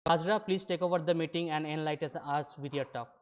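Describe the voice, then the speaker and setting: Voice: mid-range voice, fairly even intonation, fairly quick. Formal webinar host. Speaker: session host introducing the speaker. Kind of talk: formal scripted announcement.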